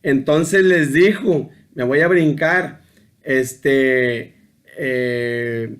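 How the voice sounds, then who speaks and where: A man's voice: medium pitch, very slow. A middle-aged man giving an informal sermon on a Bible passage. He keeps tagging his sentences with a question to the listener and often hesitates and restarts. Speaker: preacher.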